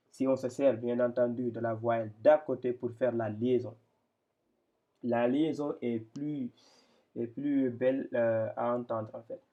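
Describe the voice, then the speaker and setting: A man teaches a reading lesson in a patient, step-by-step way, often restarting and repeating himself. His voice has a gravelly edge. The recording sounds slightly dull and muffled. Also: mid-range voice, dark tone. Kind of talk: explaining Arabic reading step by step.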